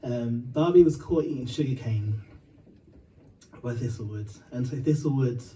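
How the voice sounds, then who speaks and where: A man's voice: mid-range voice, normal speed, mellow, distant mic, slight background noise, low-quality recording. A man from Uganda and Britain telling a long, rambling story between songs, full of fillers, swearing and laughter.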